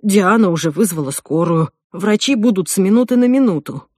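A woman reading an audiobook voices a calm young man who speaks in a steady, soothing way. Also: medium pitch, brisk, no echo, clean studio sound, close to an everyday voice. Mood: reassuring.

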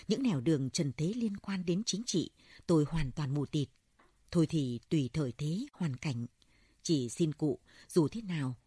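A woman reading as a calm old Buddhist monk. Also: low-pitched, slightly rough, no room sound, studio quality. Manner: calm, reflective.

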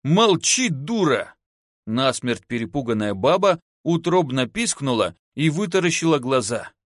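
A man narrating an audiobook with expressive storytelling. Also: mid-range voice, normal speed, no echo, clean studio sound. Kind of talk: audiobook reading.

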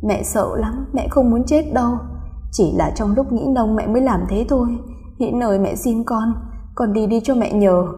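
A woman's voice: mid-range voice, moderate pace, mellow, breathy edge, soft background music, lightly acted. A woman voicing a terrified, guilty middle-aged mother who begs through tears and stammers. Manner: stammering, crying, begging.

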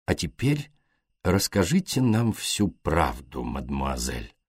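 Man voicing a shrewd foreign detective, courteous, soft, slow, deliberate, low voice, audiobook. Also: big pitch swings, breathy edge, dry recording, studio quality, heavily acted. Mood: gentle, insistent.

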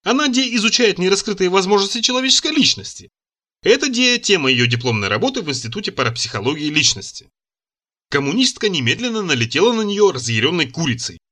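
Lively, bright-toned male storyteller. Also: sits high, quick pace. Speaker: narrator. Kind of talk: audiobook narration.

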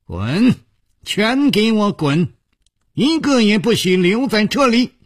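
Furious young swordsman, a man putting him on, harsh shouted commands, wildly swinging pitch, unhurried delivery. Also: very animated, breathy edge, no room sound, studio quality, full character voice.

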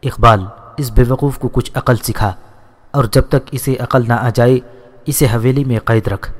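A man's voice: medium pitch, steady tone, natural voice. A man voicing a furious old landlord father. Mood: angry scolding. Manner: scolding, insulting, commanding. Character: stern elderly male feudal landlord, hot-tempered. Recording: long reverb.

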